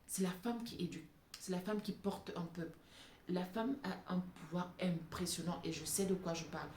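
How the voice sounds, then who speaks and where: Addressing African women, a woman from francophone Africa delivers an emphatic, improvised vlog monologue of her opinions, stressing points through repetition. She speaks at a normal speed in a fairly low, steady, slightly mellow voice. Background noise and echo fill the recording.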